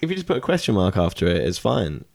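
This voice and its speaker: A man in an improvised comedy chat, throwing in dry, deadpan quips. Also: deep voice, quick pace, creaky.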